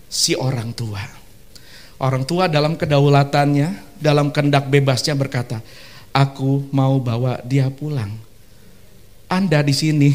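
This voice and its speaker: A male pastor delivering an animated sermon, his voice sitting a little high for a man. He draws the congregation into call-and-response and breaks up the preaching with playful asides, as if speaking in a church service.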